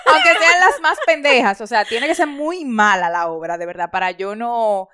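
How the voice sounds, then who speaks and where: A woman's voice: fairly high pitch, moderate pace, sharp tone, a little hiss or hum. A woman co-host chatting casually, stressing her points by repeating words. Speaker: podcast co-host. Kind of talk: casual chat.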